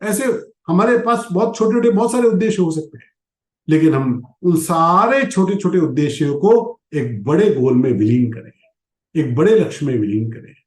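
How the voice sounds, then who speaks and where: Man teaching gita, slightly high voice, swoops up and down, slows down to stress points, roomy echo. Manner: lively pitch swings, slows for emphasis, chants Sanskrit verses. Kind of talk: spiritual discourse.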